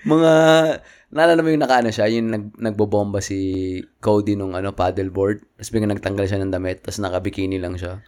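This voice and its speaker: A man's voice: on the low side, a little fast, a little mellow. A man with a Filipino accent chatting casually as a podcast co-host, teasing and laughing, switching between Tagalog and English. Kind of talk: casual chat.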